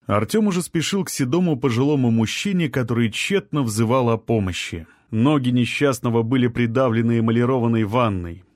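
A man narrating a story in a steady, tense storytelling delivery. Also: mid-range voice, no echo, clean studio sound. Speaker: audiobook narrator. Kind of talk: scripted narration.

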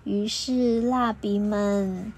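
A woman reading a children's storybook aloud to a child, in a lilting, expressive voice. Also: mid-range voice, very slow, slight background noise.

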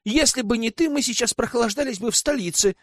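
A man voicing a whiny, easily carsick young woman in a storybook reading, with shrill complaints. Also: fairly quick, a bit bright, no room sound, studio quality. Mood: indignant.

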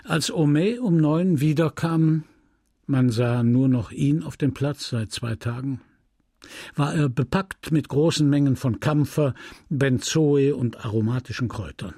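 A man reads a classic novel aloud in a measured, grave narration. His voice is gravelly and husky, and the recording is dry and close, with no room sound. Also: medium pitch, mellow, no room sound. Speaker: audiobook reader. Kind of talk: scripted literary narration.

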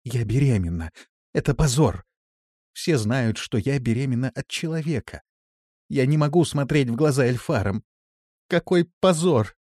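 A man's voice: mid-range voice, lively intonation, moderate pace, darkish tone, dry recording, clean studio sound, pitched above the performer's own voice, lightly acted. A man voicing a despairing young female elf noble in an audiobook, with a trembling delivery. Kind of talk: audiobook character voice.

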